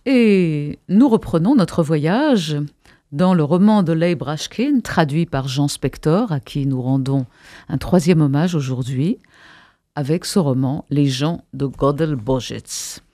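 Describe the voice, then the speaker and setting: Un homme qui lit un roman à voix haute, très expressif, voix qui bouge beaucoup. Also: male voice, on the high side, animated, slow, dark tone, dry recording, studio quality. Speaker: radio presenter and reader. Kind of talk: reading a novel aloud.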